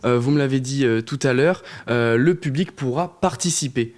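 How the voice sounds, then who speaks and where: A man's voice: mid-range voice, normal speed. Male TV segment host. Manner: friendly, filler-laden prompting. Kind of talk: TV segment hosting.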